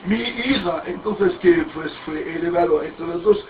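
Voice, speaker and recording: A man's voice: high voice, measured pace. A man in his fifties giving a rambling, anecdotal sermon-like talk with many restarts and crude words. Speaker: speaker at a parody mass. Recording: distant, tinny, faint background noise.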